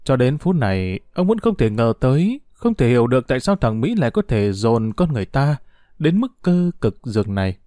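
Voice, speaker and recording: A male audiobook narrator telling a story in an expressive, dramatic way. His voice is dark and mellow, with a lively, moving pitch. The recording is close and dry. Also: brisk, no room sound.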